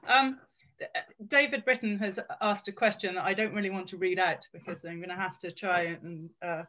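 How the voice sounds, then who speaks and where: A man's voice: sits high, steady tone, brisk, pushed and bright. A man chairing an academic panel on a video call, reading out audience questions in an informal, self-deprecating way. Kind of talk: moderating a panel. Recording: dull lo-fi sound.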